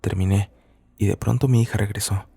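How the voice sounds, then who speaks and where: A man reading a first-person horror story as scripted narration, measured and somber. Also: fairly low pitch, steady tone, vocal fry, dark tone, breathy edge, no echo.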